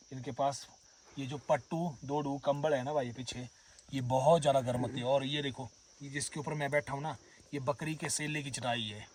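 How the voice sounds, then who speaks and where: A man's voice: medium pitch, far from the mic, slight background noise. A man from Himachal Pradesh with a Himachali accent, chatting casually to his viewers while filming at a herders' camp in the forest. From Himachal Pradesh, India. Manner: chatty, addresses viewers as friends and brothers. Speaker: vlogger. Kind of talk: casual vlog narration.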